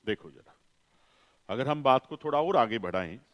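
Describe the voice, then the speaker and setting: A man's voice: mid-range voice, lively intonation, fairly bright tone. A male phonetics teacher, lecturing and answering his own questions with repeated key terms. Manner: slows down for emphasis. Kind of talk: classroom lecture. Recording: long reverb, echoey room.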